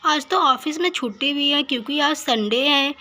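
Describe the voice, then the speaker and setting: A woman playing a caring village brother in a doll story, reassuring and protective. The voice sits high and sounds bright, close to her own. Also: moderate pace. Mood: tired. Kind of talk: doll story role-play.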